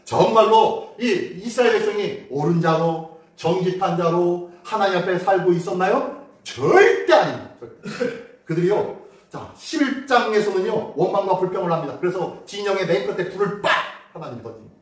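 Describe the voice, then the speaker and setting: A male pastor preaching a Sunday sermon, telling the story in a lively way and asking the congregation questions. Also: high-pitched, normal speed, far from the mic. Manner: animated storytelling, acts out quotes and asks the congregation questions. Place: church sanctuary. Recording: very echoey hall, voice from afar.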